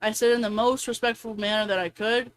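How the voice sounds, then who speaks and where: A woman's voice: fairly high pitch, level tone, fairly quick, slight background noise, poor audio. A young woman streamer in casual chat, venting animatedly and quoting people in a raised voice. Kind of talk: casual chat while gaming.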